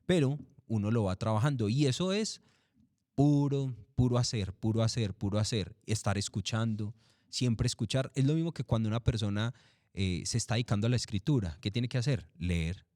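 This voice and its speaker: A low-pitched man in his middle years talks through voice-over work in an interview. He is relaxed and repetitive, posing questions and answering them himself. The sound is close and dry, with no room around it. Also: normal speed, dry recording. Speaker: commercial voice-over artist. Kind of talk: interview, casual explanation.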